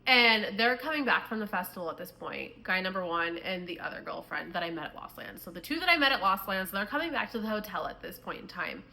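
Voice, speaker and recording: Young Midwest woman, bright tense tone, rambling storytime vlogger. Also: medium pitch, expressive, brisk, creaky, hardly any pauses. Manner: chatty storytelling, filler-heavy. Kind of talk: storytime vlog.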